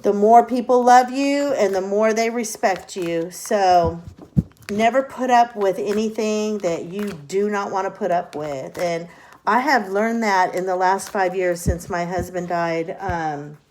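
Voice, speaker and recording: Older woman, tarot reader, unhurried blunt delivery, salty language, easy laughs. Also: mid-range voice, a little mellow. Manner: blunt and profane, laughs often. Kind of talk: casual advice talk to camera.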